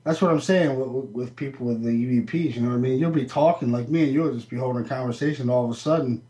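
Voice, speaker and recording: A man's voice: mid-range voice, quick pace, dark tone. A man hosting a podcast in casual chat, telling stories animatedly and acting out what he said. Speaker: podcast host. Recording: roomy echo.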